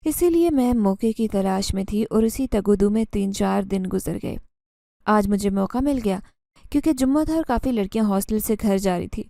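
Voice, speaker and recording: Mellow-voiced woman narrating a horror story. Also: medium pitch, creaky, no room sound. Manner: steady, storytelling delivery. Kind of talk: scripted first-person horror narration.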